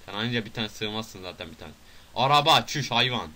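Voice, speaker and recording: Bright, excitable young man gaming. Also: lowish voice, normal speed. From Turkey. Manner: excitable, swearing, loud outbursts and mutters. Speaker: gameplay commentator. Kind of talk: casual gameplay commentary.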